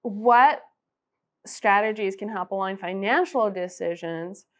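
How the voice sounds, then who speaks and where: A woman's voice: mid-range voice, slow. A woman hosting an interview podcast, casual and hesitant, thinking aloud with many fillers before she asks her questions. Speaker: podcast host.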